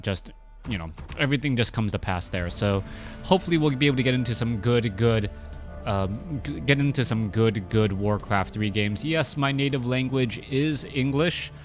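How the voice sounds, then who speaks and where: With soft music in the background, a man in his thirties whose first language is Cantonese commentates a strategy game match. His mid-range voice moves at normal speed, and his casual play-by-play is peppered with fillers and restarts.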